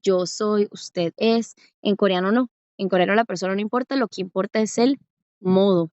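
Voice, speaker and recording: A woman from Rica, teaching a language lesson patiently, slowing down on examples and checking in with her students. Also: mid-range voice, a little mellow, no echo, muffled recording. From Costa Rica. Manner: patient, slows down to spell out examples with rising checks. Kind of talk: classroom lesson.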